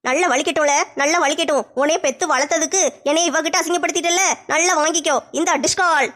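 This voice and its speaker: A woman's voice: very high-pitched, steady tone, fairly quick, bright, forceful tone. Woman doing an angry scolding mother-in-law. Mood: furious. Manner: fierce, scolding.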